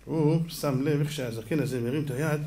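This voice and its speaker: Higher-pitched rabbi telling animated stories. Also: male voice. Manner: animated, rhetorical questions, acts out quotes. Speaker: rabbi giving a lesson. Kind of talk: storytelling Torah lesson.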